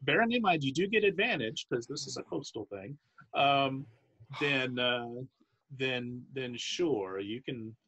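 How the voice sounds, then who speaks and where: Man, game master, husky, bright tone, halting delivery with restarts. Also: medium pitch, expressive. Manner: halting, many restarts, laughs easily. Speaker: dungeon master. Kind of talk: narrating a tabletop game.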